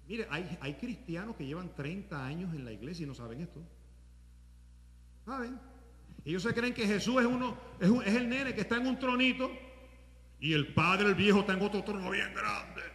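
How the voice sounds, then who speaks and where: A man pastor preaching a sermon in a conversational way, at times rising to shouts. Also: high voice, expressive, normal speed, long pauses, roomy sound, in a large hall.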